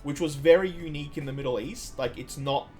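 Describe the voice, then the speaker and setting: A man's voice: fairly high pitch, a little fast, a little mellow, soft background music. A man from Iceland streaming a game, chatting casually and drifting into long trivia asides with frequent restarts. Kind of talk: casual gameplay commentary.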